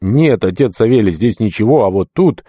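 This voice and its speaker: A male reader voices an impulsive middle-aged deacon in a storybook, his speech lifting higher and louder above a dark, mellow base. The tone is heated and contrite, with the pleading urgency of a rash man. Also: animated, moderate pace, no echo, clean studio sound. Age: 50s. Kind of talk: audiobook character voice.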